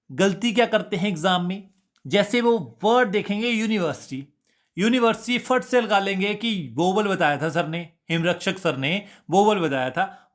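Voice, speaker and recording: A man's voice: high-pitched, a bit bright. A man teaching an exam-prep grammar lesson, drilling students with repeated questions and answers.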